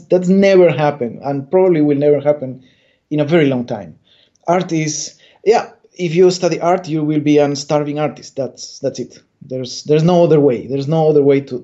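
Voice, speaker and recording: A slightly high, mellow male voice belongs to a Bolivian comic artist chatting casually as an interview guest. He rambles, often stammering and backing up to restart, over dull lo-fi audio.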